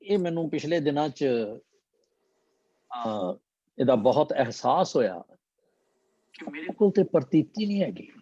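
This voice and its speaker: A man teaching scripture, speaking very slowly and deliberately with English phrases worked in. His voice is warm and mellow and sits a little high. The recording is dry and slightly muffled. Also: big pitch swings, husky, no room sound. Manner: slow, deliberate, mixing English phrases into explanation. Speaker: Gurbani teacher. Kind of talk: scripture explanation talk.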